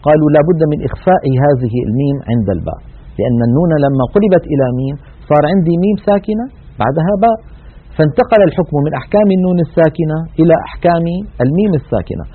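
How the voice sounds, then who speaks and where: A man teaches Quran recitation in a broadcast lesson, measured and explanatory as he demonstrates sounds. His voice is husky and sits a little high, and he talks quickly. The audio is tinny and narrow, like a phone line. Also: expressive.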